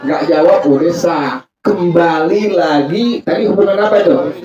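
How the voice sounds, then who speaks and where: A man's voice: high voice, a little slow, dull audio. A man preaching a joking religious lecture, teasing the crowd and asking them to fill in answers. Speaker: Islamic preacher. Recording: echoey hall, far mic, loud crowd laughter. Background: loud crowd laughing.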